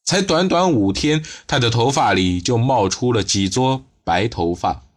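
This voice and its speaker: A man reads a crime novel aloud at a steady pace. His pitch sits in an ordinary middle register. The delivery is even and unhurried. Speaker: audiobook narrator. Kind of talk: scripted narration.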